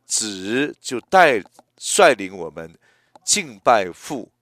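A man in his eighties preaching a sermon in a gentle, reflective way, often pausing and restarting his phrases. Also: mid-range voice, very animated, no room sound, clean studio sound. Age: 80s.

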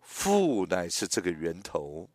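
A man in his eighties preaching a sermon in a gentle, reflective way, often pausing and restarting his phrases. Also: low voice, wildly swooping pitch, dry recording. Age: 80s.

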